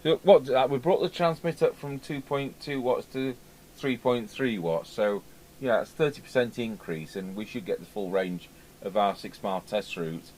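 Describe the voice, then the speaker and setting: A radio repair technician mutters and thinks aloud while casually showing a hands-on repair at an indoor workbench. He talks at a normal speed in a mid-range, darkish voice. The audio is poor, with workshop ambience clearly audible behind him.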